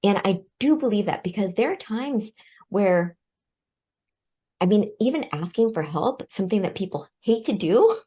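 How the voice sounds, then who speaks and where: A woman's voice: mid-range voice, expressive, normal speed, mellow, husky. A woman born in Vietnam and raised in the United States, a guest in an interview, explaining her ideas through studies and personal stories with light laughter. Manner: light laughs between points. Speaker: guest expert on respect. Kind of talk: conversational interview.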